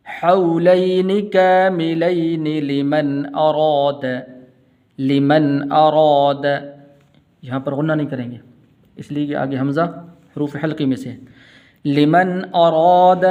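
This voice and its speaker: A man teaching Quran recitation, chanting verses melodically and then explaining pronunciation rules in quick plain speech. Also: on the high side, a little mellow. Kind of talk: tajweed lesson, recitation with explanations. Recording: dull lo-fi sound.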